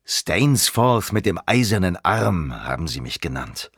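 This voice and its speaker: A man's voice: low voice, big pitch swings, a little slow, a bit bright, breathy edge, no room sound, clean studio sound, exaggerated voice. A man doing a menacing one-armed villain. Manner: whining, then cold and menacing. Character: sinister one-armed male ex-policeman villain.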